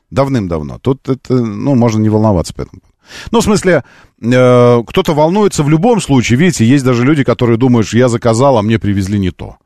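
A man's voice: medium pitch, mellow, no room sound, studio quality. A man hosting a live call-in radio show, arguing insistently and repeating phrases for emphasis. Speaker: radio talk show host.

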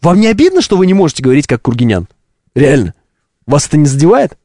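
A man's voice: on the high side, very animated, fast talker, dark tone, dry recording, clean studio sound. A man hosting a live stream, delivering an opinionated, didactic monologue with emphatic rhetorical questions and ironic asides.

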